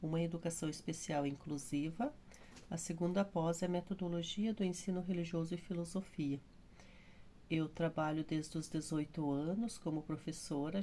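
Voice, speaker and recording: Patient woman teacher, slightly low voice. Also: mellow, a little hiss or hum. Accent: Brazilian Portuguese. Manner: patient, explains step by step with many fillers. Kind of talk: classroom lesson.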